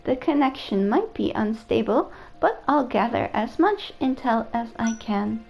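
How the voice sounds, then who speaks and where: A polite robot AI caretaker frets over a human's safety, as a woman reads his lines from a video game. The voice sits a touch high with a gravelly fry running through it. Soft game music plays faintly underneath. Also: sing-song, a little slow, exaggerated voice, low-quality recording. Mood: earnest. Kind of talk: reading game dialogue aloud.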